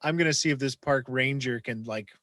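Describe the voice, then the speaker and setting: A man's voice: medium pitch, brisk, fairly bright tone, dry recording, clean studio sound. A man hosting a podcast in casual interview chat, chiming in with short replies, jokes and laughs. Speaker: podcast host.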